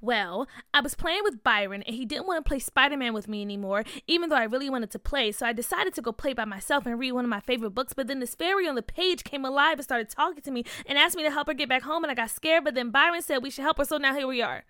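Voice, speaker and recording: A chatty young girl, played by a woman, racing through a long explanation without stopping for breath. The voice is bright and high. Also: expressive, dry recording, studio quality. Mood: breathless. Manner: rushed run-on telling.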